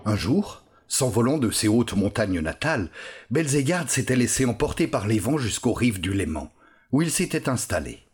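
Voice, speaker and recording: Husky-voiced male storyteller. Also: medium pitch. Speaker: narrator. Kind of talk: storybook narration.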